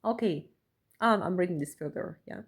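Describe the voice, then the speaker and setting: A woman's voice: on the low side, moderate pace, breathy edge. A woman from Russia who talks earnestly while reading a document aloud, often ending phrases with a questioning "yeah?" and repeating herself. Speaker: vlogger, asylum seeker.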